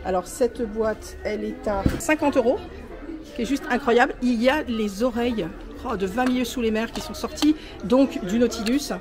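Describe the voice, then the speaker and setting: A woman shoots a casual shopping vlog on a handheld phone inside a theme park shop, with the store's music playing in the background. Her voice is a little high at normal speed. She gushes over every piece of merchandise, stacking superlatives and repeating "very, very".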